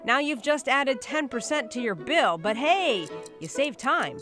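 A woman's voice: sits high, animated, measured pace, pushed and bright. Wry woman reporter over a music bed. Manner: wry, breezy. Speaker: news reporter. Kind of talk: scripted news narration with jokes.

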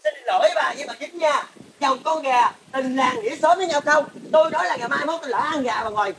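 A woman's voice: high-pitched, fast talker, creaky, fairly bright tone, slight background noise, poor audio. A woman with a Southern Vietnamese accent playing a feisty young woman who fires back defiantly at her neighbor in a comedy skit. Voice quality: combative, defiant retorts. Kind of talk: comic sketch acting.

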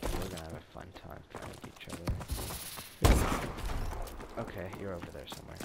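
Blunt young man, low voice. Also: fairly quick. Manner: bossy, blunt, swearing. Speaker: co-player. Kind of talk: casual gameplay chat. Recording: background hiss with game gunfire.

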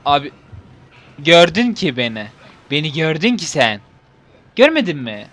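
A man's voice: fairly high pitch, very animated, a little slow, fairly bright tone. A young man casually commenting while he plays a horror game, joking, swearing and talking to the game's characters. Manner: jokey, swears, talks to the game. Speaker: gaming video host. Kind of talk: casual let's-play commentary.

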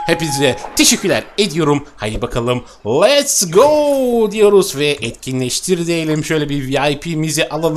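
A young man hosting his own gaming channel, giving exuberant, excited commentary on a mobile game and repeating his phrases with delight. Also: sits high, slight background noise.

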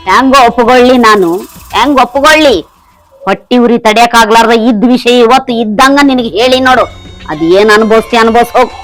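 A woman's voice: a little high, lightly acted, poor audio. A woman with a North Karnataka Kannada accent playing a haughty, scornful middle-aged stepmother-in-law in a village comedy skit. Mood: bitter. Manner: taunting, sneering, drawn-out scolding. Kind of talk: village comedy drama acting.

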